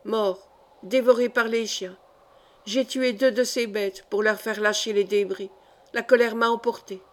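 A woman's voice: a little high, steady tone, measured pace, natural voice. A woman reading the lines of a brooding male astronomer in an audiobook, curt and grumbling. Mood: grim. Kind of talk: audiobook character voice.

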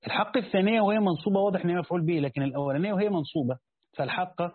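An Egyptian-accented man races through a lesson on a classical Quran commentary, reading passages, explaining them, and answering questions he poses himself. His voice sits high and has a breathy edge. The dry recording sounds tinny and lo-fi, like a phone.

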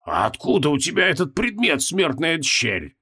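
A man reading an audiobook, voicing a weary, sardonic male demon prisoner in a low, subdued drawl. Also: huge pitch swings, moderate pace, pushed and bright, slightly rough, exaggerated voice. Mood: wary.

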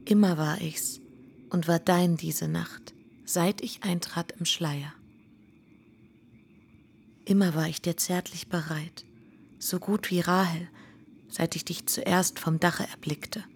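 An actress playing a tender, devoted young bride in a radio drama, speaking softly and half-whispered. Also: female voice, on the low side, steady tone, slow pace, vocal fry, pauses often, a little hiss or hum.

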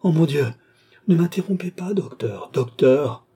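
A male audiobook reader voices an anguished young nobleman who pleads and cries out, his husky, mellow delivery expressive and a little slow. The begging lines climb in pitch and volume like a storybook reading, with impassioned outbursts that stay raw and insistent.

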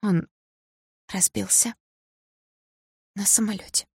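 A woman's voice: medium pitch, fairly even intonation, slow, creaky, breathy edge, no room sound, studio quality, voice pushed up, heavily acted. A woman murmuring as a weeping young woman. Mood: tearful. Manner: hushed, tearful.

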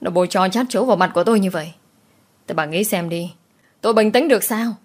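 A woman's voice: mid-range voice, fast talker, close to an everyday voice. A woman voicing an angry old village chief who scolds his son harshly through gritted teeth. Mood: indignant. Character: stern furious old village chief father.

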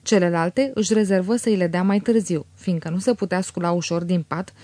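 A woman reading a novel aloud as an audiobook narrator, steady and measured. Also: lowish voice, no echo.

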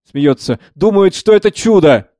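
A man reading the part of an agitated young freethinker who shouts, mocks and pleads. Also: on the high side, a little fast, no echo, studio quality, pitched above the performer's own voice, natural voice. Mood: frantic.

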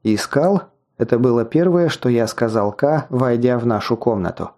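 A man narrating a fantasy novel in the first person, in an even, storytelling manner with wry asides. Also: medium pitch, normal speed. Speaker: audiobook narrator.

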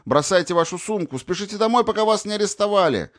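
A man's voice: high voice, animated, quick pace, pitched above the performer's own voice. A man voicing a group of defeated officers urging a nurse to flee, in an audiobook. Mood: urgent. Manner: urgent, warning. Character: defeated male officers, urgent.

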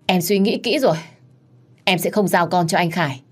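A woman's voice: on the low side, normal speed, husky, faint music behind. A woman voicing a scheming pregnant young woman in her twenties who pleads in a trembling voice. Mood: sullen. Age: 20s.

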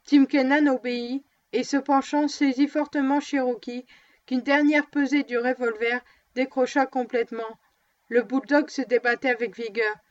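A woman reading a novel aloud in a steady, even narration. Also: high voice, moderate pace, no echo, highs cut off. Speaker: audiobook reader.

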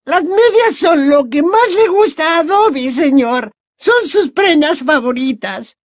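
A man voicing a small, nervous, excitable male house-elf with a squeaky, shrill voice who speaks of himself in the third person. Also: takes it slowly, dry recording, clean studio sound, exaggerated voice. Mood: delighted. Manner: refers to himself in third person, timid and eager.

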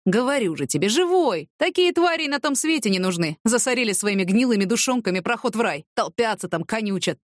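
A woman's voice: fairly high pitch, expressive, brisk, hardly any pauses, no room sound, studio quality, natural voice. A woman voicing a streetwise homeless man who talks in mocking, drawling street slang. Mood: wry.

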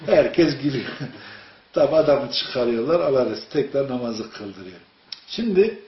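A man preaching an informal sermon to a small group, telling stories and asking his listeners questions. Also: fairly high pitch. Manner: storytelling, asks the audience questions. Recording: echoey room, dull lo-fi sound.

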